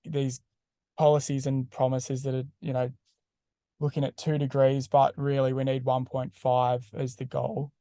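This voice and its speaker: A man's voice: mid-range voice, completely flat delivery, moderate pace, warm tone, dry recording, clean studio sound. A young man asking interview questions in a casual, rambling way with hedges. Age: young adult.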